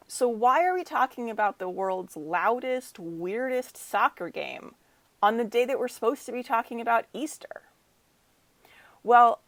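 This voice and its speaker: A young woman, a children's minister, telling a lively story to children in a chapel talk. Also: mid-range voice, no echo.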